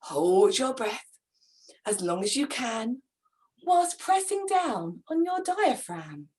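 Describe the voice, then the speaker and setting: A woman voicing Father Christmas's smug, calm elderly wife, who soothes him and brags in rhyme. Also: on the high side, slow. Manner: soothing, then smug bragging.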